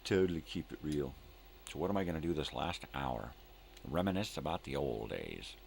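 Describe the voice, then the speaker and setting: A man's voice: a bass voice, animated, normal speed, gravelly, a little hiss or hum. An older man hosting a live morning show with casual, rambling chat in laid-back hippie slang, drifting along and repeating himself.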